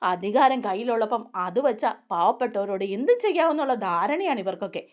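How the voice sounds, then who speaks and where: A woman voicing a firm, protective young wife who explains herself earnestly, in a lively voice. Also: a little high, brisk, lightly acted. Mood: earnest, defending.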